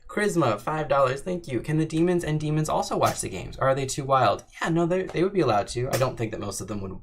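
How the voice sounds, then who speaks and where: Lively, laughing man on a livestream. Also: medium pitch, fast, a little hiss or hum. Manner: laughs often, reads chat aloud and banters. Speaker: livestream host answering chat. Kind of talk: casual livestream Q&A.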